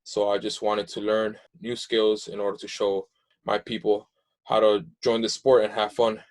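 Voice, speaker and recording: A man in his twenties, a program participant, gives a plain, steady self-introduction. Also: lowish voice, normal speed, low-quality recording. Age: 20s.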